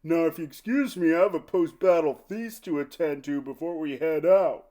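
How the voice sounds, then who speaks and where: A man's voice: fairly high pitch, normal speed, warm tone, lightly acted. A man playing a proud young medieval prince who talks casually and confidently, as in a post-game sports interview. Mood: cocky, pleased. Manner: casual, self-assured.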